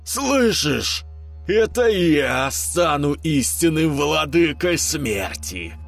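A man's voice: big pitch swings, extremely slow, faint music behind, exaggerated voice. A man doing a raving mad bearded stepfather. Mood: gloating. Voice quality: shifts between booming rage and raspy mockery. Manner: unhinged, gloating, sing-song. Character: mad bearded stepfather talking in two voices. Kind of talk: audiobook character voice.

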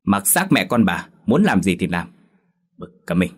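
A man's voice: low voice, big pitch swings, moderate pace, breathy edge, full character voice. A man voicing a hot-tempered, drunken father who barks insults at his daughter in a Vietnamese audio story. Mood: angry. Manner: barking, contemptuous.

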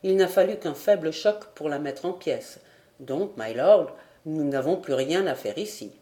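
A woman reading aloud, voicing a calm, firm young male ship captain in measured tones. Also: fairly high pitch, pitched below the performer's own voice. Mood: grave. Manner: grave, measured commands.

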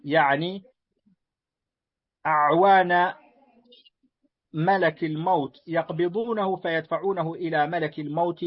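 A man reading a classical text aloud to his teacher in a lesson, measured and deferential, slowing on the verses. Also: on the high side. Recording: dull lo-fi recording.

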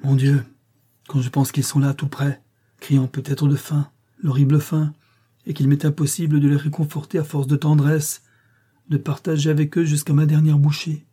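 A man's voice: a little high, completely flat delivery, moderate pace, mellow, husky, pitched above the performer's own voice. A man reading a storybook, voicing a young captive woman who speaks in an anxious, pleading way.

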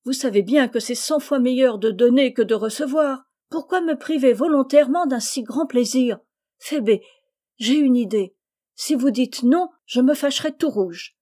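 A woman reading a storybook aloud and voicing an eager, warm-hearted little girl who turns bossy when playing teacher. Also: a little high, expressive, normal speed.

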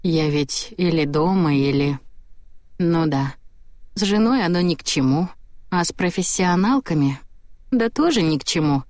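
Low-voiced woman narrating an audiobook. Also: animated, a little slow, a little mellow, no room sound, clean studio sound. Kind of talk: first-person audiobook narration.

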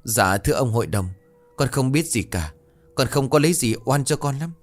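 A man's voice: mid-range voice, lively intonation, moderate pace, faint music behind, voice pushed up, natural voice. A man voicing a poor, frightened farmhand who stammers and pleads desperately. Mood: pleading.

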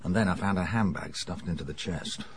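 An actor playing a middle-aged English police inspector, dry, sardonic and matter-of-fact in a radio drama. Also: male voice, low voice, a little fast, a little hiss or hum, lightly acted. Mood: briskly reporting.

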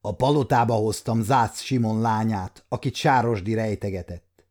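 A man's voice: fairly low pitch, a little mellow, close to an everyday voice. A man in his fifties voicing a scheming courtier who reports his deceit in a sly, matter-of-fact way. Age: 50s.

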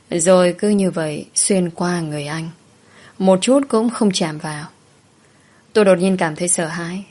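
A woman narrating a first-person audio story in a soft, sorrowful storytelling manner. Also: lowish voice.

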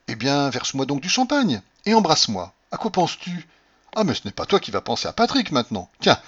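A man's voice: fairly high pitch, a bit bright, slightly rough, voice pushed up, heavily acted. A man reading an audiobook, voicing a young wife who is feverish and shivering and talks in a teasing, coaxing manner. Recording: dull lo-fi recording.

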